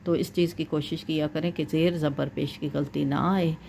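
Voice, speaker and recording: A woman teaching Quran recitation rules, explaining each point patiently and chanting verses slowly to demonstrate. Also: deep voice, steady tone, gravelly, darkish tone, a little hiss or hum. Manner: often checks in with "thik hai". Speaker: tajweed teacher. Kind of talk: Quran recitation lesson with corrections.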